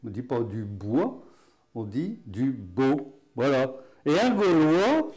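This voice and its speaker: Teaching patois vocabulary in an easygoing, folksy manner, a man with a Hainaut Picard accent peppers his casual lesson with fillers and little chuckles. He speaks in a mid-range voice that has a darkish tone.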